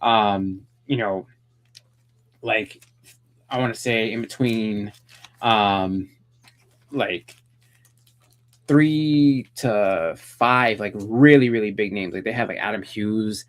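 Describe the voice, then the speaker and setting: A man's voice: fairly low pitch, slow pace, pauses often. A man hosting a live stream, chatting casually about comics in a rambling way with many restarts.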